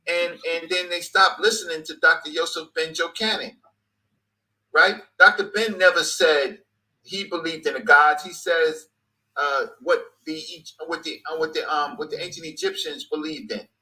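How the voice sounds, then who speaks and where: Emphatic man, 50s, higher bright voice, repeats for emphasis. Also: normal speed, poor audio. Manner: emphatic, repeats phrases for stress. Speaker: guest speaker. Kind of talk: passionate conversation.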